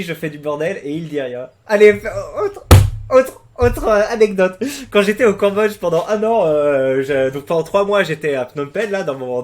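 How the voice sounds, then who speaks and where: A young man from France, hosting a channel and chatting casually about forum posts, rambling with lots of fillers and restarts, swearing freely, and getting loud and animated when he retells his stories. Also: a little high. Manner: crude slang, swears freely. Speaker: YouTube host reading viewer posts.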